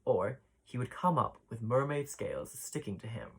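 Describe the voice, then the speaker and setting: Husky man reading a storybook aloud. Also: medium pitch, moderate pace, low-quality recording. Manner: expressive reading, voices the children's dialogue with lifts. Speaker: ballet dancer reading a children's book aloud.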